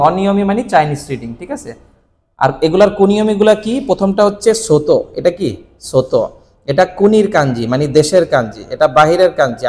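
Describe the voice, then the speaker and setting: A man teaching a Japanese kanji lesson, asking questions and answering them himself with steady repetition. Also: high-pitched, long reverb tail. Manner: asks questions and answers them himself, repeating key words.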